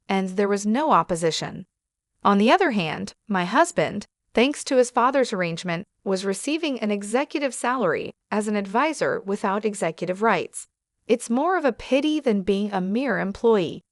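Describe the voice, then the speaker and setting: A woman telling a first-person revenge story in steady scripted narration. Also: mid-range voice, normal speed, dry recording, studio quality.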